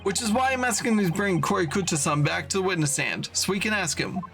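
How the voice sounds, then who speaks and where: Male streamer, reading game lines aloud, gravelly voice, slightly high. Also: a little fast, a bit bright, faint music behind.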